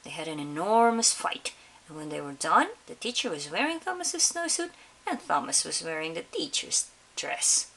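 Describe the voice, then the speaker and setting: A woman reads a children's story aloud with a very animated, lowish voice that has some creak in it. She pauses to question her young listeners. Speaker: picture-book reader for children. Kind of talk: expressive read-aloud storytelling. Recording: faint background hiss.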